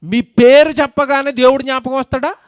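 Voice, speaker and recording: A man preaching a sermon at a public meeting, questioning his listeners and quoting scripture slowly and emphatically, with a Telugu accent. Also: very high voice, fairly even intonation, no room sound, clean studio sound. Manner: questions the crowd, quotes scripture slowly and loudly.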